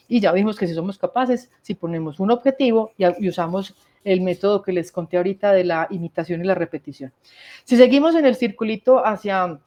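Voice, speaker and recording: Woman leading a workshop, mid-pitched, explaining patiently with lists and rhetorical questions. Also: a little mellow. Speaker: workshop speaker. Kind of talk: instructional talk on communication.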